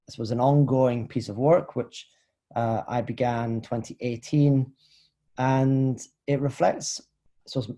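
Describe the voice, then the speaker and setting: A man from the Scottish Highlands giving an academic talk over a video call, thoughtful and hesitant, with many fillers and restarts. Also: dark tone. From Highlands of Scotland. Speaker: lecturer. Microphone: video call computer mic.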